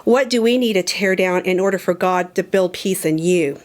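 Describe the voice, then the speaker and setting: A woman's voice: fairly low pitch, moderate pace. A woman teaching a Bible study lesson, retelling a story in a casual, conversational way and acting out the characters' lines. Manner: lively, conversational retelling with acted-out quotes.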